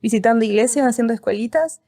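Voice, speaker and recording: A woman's voice: on the high side, fast, mellow, dry recording, clean studio sound. A woman in her twenties with a Chilean accent, telling her story casually as a podcast guest. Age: 20s. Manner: storytelling with restarts.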